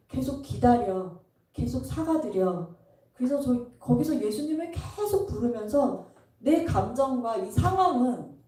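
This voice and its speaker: A woman's voice: high-pitched, mellow. A middle-aged woman, a pastor's wife, telling a church testimony story and acting out the dialogue in it. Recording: echoey hall, mic at a distance.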